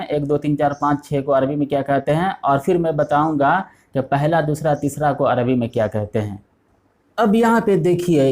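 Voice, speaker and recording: A man's voice: on the high side, a little mellow. A man teaching an online language lesson, patiently repeating each word several times. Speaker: Arabic teacher.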